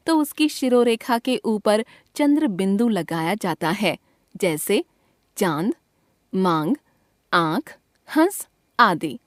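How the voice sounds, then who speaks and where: Slow, careful woman reading a lesson. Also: mid-range voice, no room sound, clean studio sound. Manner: slow, deliberate, spells out each letter and example. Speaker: teacher.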